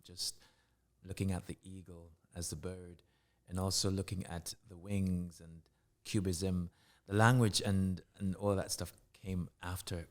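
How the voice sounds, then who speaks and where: A middle-aged man from Jamaica, a guest artist talking in a casual interview, reflective and halting, often restarting his sentences. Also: sits low.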